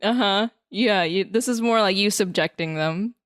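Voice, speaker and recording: A woman's voice: mid-range voice, moderate pace, a bit bright, no room sound, studio quality. A woman hosting a podcast in casual chat, laughing often. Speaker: podcast host.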